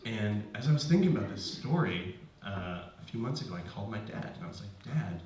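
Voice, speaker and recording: A man's voice: on the low side, expressive, a little fast, a little mellow. Guy telling a story live to a room, chatty and restarting a lot, faint hiss, kinda far off. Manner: conversational with frequent restarts and "like". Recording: very echoey room, distant mic, faint hiss.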